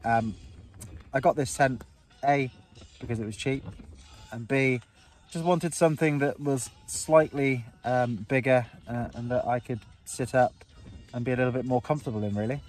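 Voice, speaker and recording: Inside a small tent on open moorland, an English wild camping vlogger in his forties talks casually to a close-held phone camera, rambling upbeat with lots of ums. His medium-pitched voice is a little mellow at normal speed, with faint music behind.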